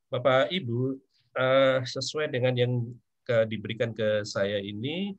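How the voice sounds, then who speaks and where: A male visiting professor giving formal remarks at a meeting, hesitant and full of pauses. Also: medium pitch, highs cut off. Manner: hesitant, many fillers.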